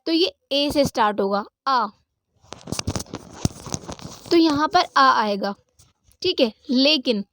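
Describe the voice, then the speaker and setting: A woman teaching a grammar lesson in a high voice, reading her English examples slowly and deliberately. The sound is dry and close, with no room echo. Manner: slow, deliberate reading of English example lines, checks in with "theek hai?". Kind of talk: grammar lesson in Hindi-Urdu.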